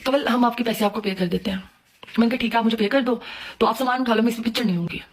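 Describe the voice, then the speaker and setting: A young woman with a Pakistani Urdu accent telling a story in a casual vlog, animated and quick, acting out what each person said. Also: on the high side. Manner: fast, animated retelling with acted-out quotes. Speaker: vlogger.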